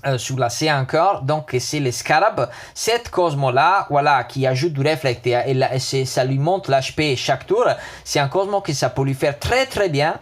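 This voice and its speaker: A man's voice: medium pitch, moderate pace, hardly any pauses. A man with a foreign accent in French who is not a native speaker, giving a casual unscripted game review and often repeating words and restarting. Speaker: gaming video host.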